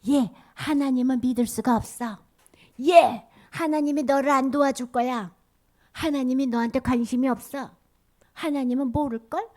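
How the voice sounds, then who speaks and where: A woman's voice: high-pitched, fairly even intonation, moderate pace, dark tone, natural voice. A woman doing a sly, whispering Satan. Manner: whispering, insinuating.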